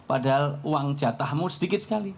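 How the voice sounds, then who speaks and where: A man's voice: fairly high pitch, expressive, fairly quick, husky, pitched above the performer's own voice. A man voicing a stern, righteous old caliph who firmly scolds his son. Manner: firm, commanding rebuke.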